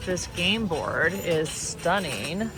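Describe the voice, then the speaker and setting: A woman's voice: lowish voice, big pitch swings, extremely slow. A woman with a cold who is losing her voice, chatting enthusiastically as she narrates a thrift shopping vlog. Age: young adult to middle-aged. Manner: chatty, enthusiastic about finds. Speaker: vintage reseller and vlogger. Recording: music playing behind the voice.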